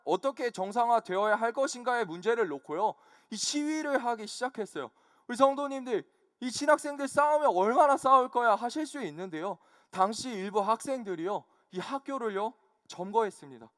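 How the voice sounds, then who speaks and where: High-voiced young preacher, dry close sound. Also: male voice, a bit bright, no room sound. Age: young adult. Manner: earnest personal testimony with frequent polite -요 pauses. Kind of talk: sermon.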